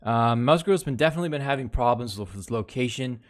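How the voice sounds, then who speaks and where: A man's voice: mid-range voice, lively intonation, fast talker. A man giving a casual, heavily profane recap of a baseball series, talking over game footage. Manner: talks over game footage, reviewing plays. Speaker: baseball fan commentator. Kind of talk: casual sports recap commentary.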